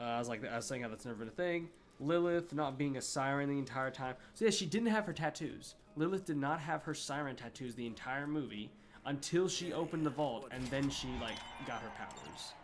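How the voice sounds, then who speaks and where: A man's voice: medium pitch, animated, fairly quick. A young man chatting casually while gaming, rambling with many fillers and restarts. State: hiccups. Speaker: gaming streamer. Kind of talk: casual rambling review chat.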